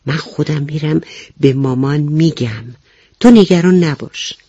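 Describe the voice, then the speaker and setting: A man's voice: fairly high pitch, warm tone, dry recording, lo-fi sound. A man voicing a small, timid boy mouse with a thin voice in a children's story. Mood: earnest.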